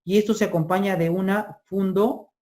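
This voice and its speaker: Mellow-voiced medical lecturer. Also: medium pitch, steady tone, normal speed. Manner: drills terms by repeating them, tags lines with 'ya?' and 'ojo'. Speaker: medical exam prep lecturer. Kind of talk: recorded lecture.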